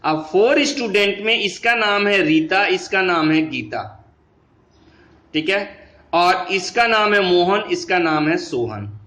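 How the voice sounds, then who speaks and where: A male teacher giving a lesson, explaining patiently and switching between Hindi and English, reading English lines slowly. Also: high-pitched, expressive, sharp tone, reverberant. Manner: explains patiently, mixing Hindi and English, calls students "beta"; slows down and stretches words when reading English lines.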